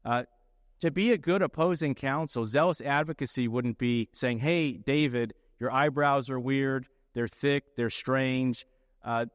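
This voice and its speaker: Man, middle-aged, lawyer presenting, mid pitch, explanatory, dry close sound. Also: no echo. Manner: explanatory, often checks in with "okay?". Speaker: lawyer giving a talk. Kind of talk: conference presentation.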